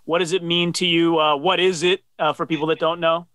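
A man's voice: a little high, flat delivery, fairly quick, pushed and bright, no room sound. A man in his forties from New Jersey hosting a video-call interview, friendly and affirming, asking long rambling questions. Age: 40s. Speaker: interview host. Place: dim home office. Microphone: webcam on video call.

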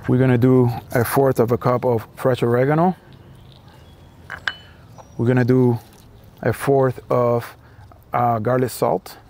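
Puerto rican guy in his 40s doing a cooking demo on his patio, warm relaxed voice, bit of faint outdoor noise, lapel mic. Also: medium pitch, unhurried, pauses often. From Puerto Rico. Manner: easygoing, explains step by step with many fillers. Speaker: cooking demonstrator. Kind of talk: casual cooking demonstration. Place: outdoor patio beside a house.

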